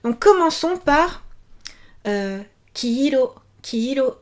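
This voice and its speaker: A cheerful young woman teaching a language video lesson, repeating each word slowly and clearly. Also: sits high, expressive, a little mellow.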